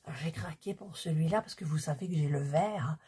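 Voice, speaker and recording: A woman's voice: low-pitched, brisk, warm tone, breathy edge. A woman chatting casually to her viewers while unpacking and trying out things she bought. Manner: chatty, talks to viewers while fiddling with items. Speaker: vlogger showing purchases. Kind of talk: casual haul chat.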